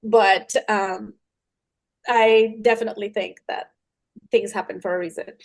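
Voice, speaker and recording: A woman, a pediatric dentist, telling a personal story in an interview with many fillers, putting on lively quoted voices. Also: mid-range voice, unhurried.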